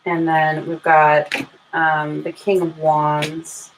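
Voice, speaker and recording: On her live stream, a lower-voiced American woman gives a casual tarot reading in a monotone at a slow pace. Informal and thinking aloud, she speaks to viewers affectionately, with clear background noise and room ambience in the recording.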